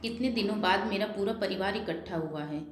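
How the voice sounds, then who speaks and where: A woman doing a frail old mother who sounds gentle and resigned and speaks in a soft, pleading way. Her voice sits at an ordinary middle pitch. The recording has a noticeable room echo. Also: brisk, a little hiss or hum, close to an everyday voice.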